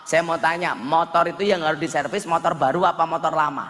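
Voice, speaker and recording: Funny preacher guy, bright forceful voice, bouncy jokes, echoey hall w faint crowd noise. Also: on the high side, fairly quick. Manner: joking, animated, slips into Javanese dialect and sung verses. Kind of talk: humorous wedding sermon.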